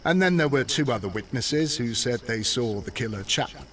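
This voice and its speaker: An actor playing a self-assured constable. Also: male voice, mid-range voice, lively intonation, moderate pace, a bit bright, recorded from a distance, a little hiss or hum, natural voice. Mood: official. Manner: official and matter-of-fact. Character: dutiful, self-assured London police constable.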